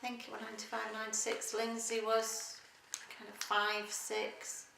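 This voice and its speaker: Recorded from a distance in a roomy space with faint noise, a middle-aged woman from Doncaster, England, chats casually with a Yorkshire accent, frequently groping for words. Her voice sits on the high side and is creaky, with a completely flat delivery at a moderate pace.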